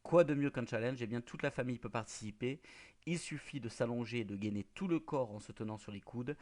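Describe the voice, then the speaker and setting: A man hosting a local radio show, reading out tips and often pausing on filler sounds. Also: mid-range voice, darkish tone. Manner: hesitant, many filler sounds between phrases.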